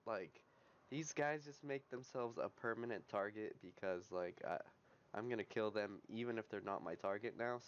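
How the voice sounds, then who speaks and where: A young man giving live gameplay commentary, swinging from low muttering to loud yelling, swearing and repeating words in bursts. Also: highs cut off. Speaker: gaming YouTuber.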